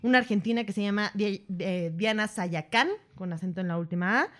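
A woman with a Mexican accent co-hosts a relaxed podcast chat. She talks in a slangy, rambling way, often restarting her phrases, at an ordinary middle pitch. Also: fast. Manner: chatty, slangy, with frequent restarts. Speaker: podcast co-host.

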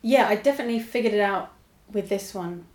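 A woman's voice: medium pitch, fairly quick, darkish tone, reverberant. A woman who writes novels, talking casually and laughing often as she makes fun of herself. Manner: laughs often, self-deprecating. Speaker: novelist guest. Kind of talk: casual conversation.

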